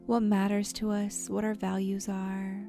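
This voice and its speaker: Over faint, soft background music, a woman narrates a guided imagery meditation at a medium pitch, in a monotone. Her voice is mellow with clear vocal fry, and she speaks soothingly, pausing without hurry and at times going breathy.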